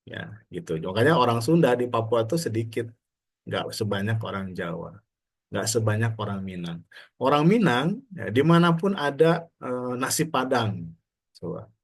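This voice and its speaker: A man's voice: medium pitch, big pitch swings, normal speed, vocal fry, breathy edge. A man from Indonesia giving a conversational university lecture, often asking his students rhetorical questions. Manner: frequent Indonesian fillers and restarts. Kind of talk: classroom lecture.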